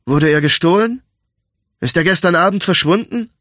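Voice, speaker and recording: A man's voice: high voice, fairly bright tone, dry recording, studio quality, pitched above the performer's own voice. A man doing a cold, menacing thief. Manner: slow, deliberate and threatening, then snapping. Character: cold, menacing male thief, quietly dangerous. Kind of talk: audiobook character voice.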